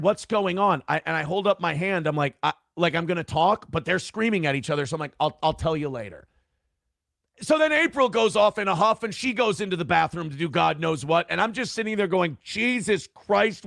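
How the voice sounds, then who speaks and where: A man's voice: high-pitched, creaky, a bit bright, dry recording, clean studio sound. A man telling a long personal story on a live call-in show, casual, profane and rambling. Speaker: guest telling his story.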